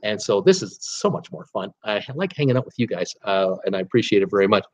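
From an indoor home office full of shelves of cruise mugs, a fast-talking man with a fairly low voice, in his sixties, hosts a cruise travel YouTube livestream. He reads viewer comments and chats in a rambling, casual way, peppering his talk with "uh" and gesturing animatedly with his hands.

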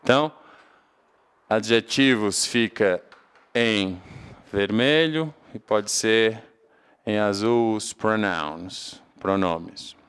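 A man's voice: lowish voice, very slow, pauses often, fairly bright tone, clear, resonant tone. A man from Portugal with a European Portuguese accent, teaching an English grammar class and asking his own questions before answering them. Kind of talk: classroom lecture.

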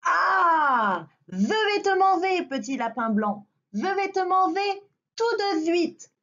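A woman's voice: very high-pitched, lively intonation, takes it slowly, voice pushed up, full character voice. A woman voicing a hungry, blustering big bad wolf who roars threats and turns meek. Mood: threatening. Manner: shouting threats, then meekly pleading. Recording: dull lo-fi recording.

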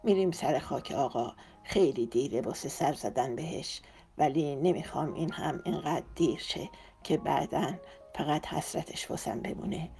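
A woman's voice: deep voice, gravelly, mellow. Woman playing a composed, courteous man. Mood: calm. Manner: composed, polite. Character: dignified, courteous older brother, gentle.

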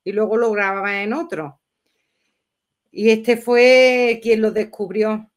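A woman's voice: a little high, fairly even intonation, slow. Chatty woman in her fifties. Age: 50s. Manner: chatty, rambling, exclamatory. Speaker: livestream host. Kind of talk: casual livestream chat.

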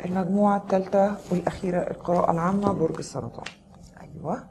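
A woman's voice: lowish voice, racing, background noise. A woman with an Egyptian Arabic accent giving a tarot reading on a live stream, chatting with viewers and greeting them by name. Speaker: tarot reader.

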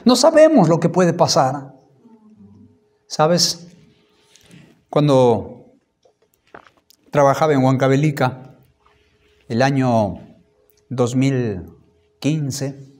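A pastor in his thirties giving a sermon testimony, telling his story with lively acted-out dialogue. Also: mid-range voice. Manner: animated storytelling, acting out dialogue.

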